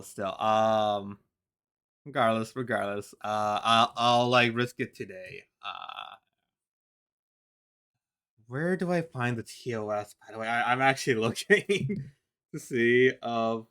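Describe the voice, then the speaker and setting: A man's voice: fairly low pitch, a bit bright, smooth. A man chatting casually on a live stream about his comics, rambling with many restarts and fillers and laughing between thoughts.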